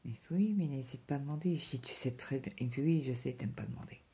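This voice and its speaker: Chatty woman, gravelly voice. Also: rumbling low, quick pace. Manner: chatty, quotes her husband in lively bits, drops to whispers. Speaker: crafting vlogger. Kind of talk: casual chat, storytelling.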